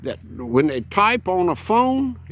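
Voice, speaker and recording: A man's voice: high voice, big pitch swings, takes it slowly, a bit bright, pitched above the performer's own voice, exaggerated voice. A man in his seventies voicing a clueless old male hillbilly who plays dumb on the phone, drawling in a raised voice. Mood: feigning confusion.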